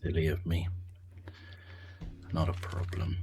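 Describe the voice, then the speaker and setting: A very deep, completely flat voice speaks slowly as music plays behind it. The man is streaming a building game in a relaxed way, thinking aloud in a rambling fashion, trailing off, and answering chat.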